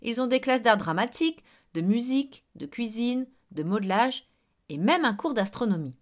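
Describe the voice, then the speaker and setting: Storybook reading: woman voicing a blustering man in a wheelchair, barks orders, gets excitable. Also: on the high side, normal speed, close to an everyday voice. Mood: gruff. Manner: barking, excitable, bossy. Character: blustering, gruff middle-aged man in a wheelchair. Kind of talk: audiobook character reading.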